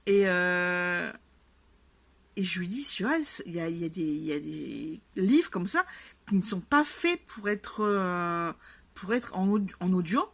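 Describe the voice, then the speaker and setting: A woman's voice: on the low side, measured pace, creaky. A woman chatting casually in a vlog, rambling with many fillers and restarts and sounding exasperated. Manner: exasperated and animated about the subject. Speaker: vlogger. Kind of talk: casual chat.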